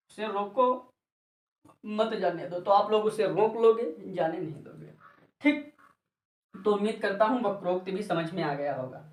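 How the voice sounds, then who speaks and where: A man's voice: high voice, recorded from a distance. Male teacher for an exam-prep grammar lesson; repeats examples patiently; echoey room sound. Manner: addresses students as brother and dear children; sometimes sings example lines slowly.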